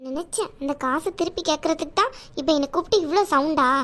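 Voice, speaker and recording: A woman's voice: high-pitched, fast, a bit bright. A woman voicing a defensive younger sister in a cartoon, protesting and pleading. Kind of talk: animated cartoon voice acting.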